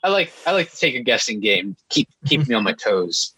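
A man at a tabletop game with a husky but bright voice. He is easygoing and a little hesitant. The sound is dry and close. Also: medium pitch, sing-song, fairly quick, no echo, poor audio. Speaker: player. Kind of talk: casual tabletop game chat.

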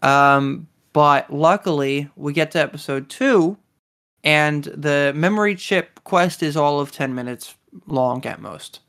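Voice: mid-range voice, takes it slowly, a bit bright, clean tone. A podcast co-host in casual chat, reviewing an episode with enthusiasm and lots of fillers. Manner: chatty, enthusiastic, many fillers.

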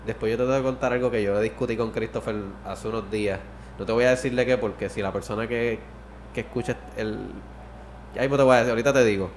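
A man's voice: mid-range voice, fairly even intonation, fast talker, a little hiss or hum. Rambling man chatting. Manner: rambling, swears often, restarts mid-sentence. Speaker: podcast co-host. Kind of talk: casual chat.

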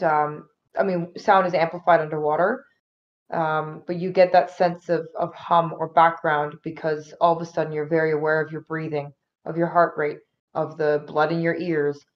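A woman's voice: low-pitched, flat delivery, moderate pace, dull audio. A woman in a casual discussion, describing her impressions thoughtfully.

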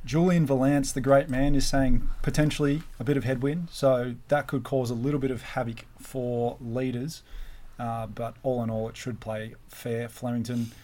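A man's voice: mid-range voice, fairly even intonation, normal speed, mellow. Host, young Australian man, casual cheeky banter, mid-range voice. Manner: cheeky, teasing, laid-back banter. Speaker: podcast host. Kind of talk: casual podcast chat.

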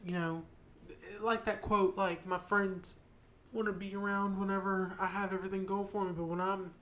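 A woman's voice: medium pitch, flat delivery, moderate pace, a bit bright. A woman in her twenties co-hosting a casual podcast, rambling with many "like" fillers. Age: 20s. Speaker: podcast co-host. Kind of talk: casual chat.

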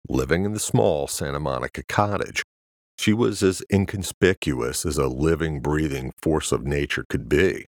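A man narrating a thriller audiobook in a steady, measured storytelling manner. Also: a bass voice, no echo, studio quality. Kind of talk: scripted narration.

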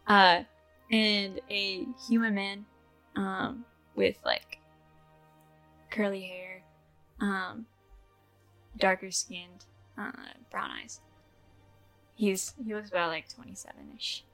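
A woman's voice: mid-range voice, expressive, takes it slowly, gravelly, long pauses, a bit bright, soft background music. A woman narrating a tabletop game as game master, casual and full of "like" fillers. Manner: casual, laughing, many "like" fillers.

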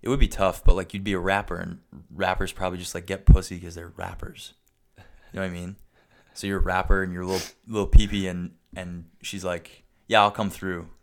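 A young man with a low-pitched voice chats casually as a co-host. His talk is slangy and jokey, full of likes and dudes, with a crude sense of humour. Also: level tone, brisk. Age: young adult. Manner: slangy, crude humour, says dude and like constantly. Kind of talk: casual joking banter.

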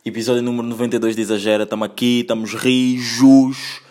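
A man's voice: mid-range voice, level tone, moderate pace, darkish tone. A man in his twenties from Angola, hosting a casual solo podcast from home in a loose, chatty way, full of slang and sprinkled with English phrases. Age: 20s. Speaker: podcast host.

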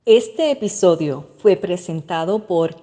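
A woman hosting a podcast, giving a measured, gentle scripted narration. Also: lowish voice, lively intonation, faint music behind. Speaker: podcast host.

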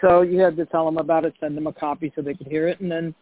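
Casting: middle-aged male DJ from Puerto Rico, chatty and relaxed, slightly high voice, narrow phone-like sound. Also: fast talker. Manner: relaxed, chatty, many "you know" fillers. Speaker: DJ and former record label marketing director. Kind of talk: conversational interview answers.

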